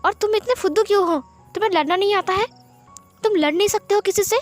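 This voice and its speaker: A woman voicing a hot-tempered schoolboy who scolds his bullied friend in a raised, shouting voice. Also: sits high, steady tone, moderate pace, soft background music, natural voice. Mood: angry scolding.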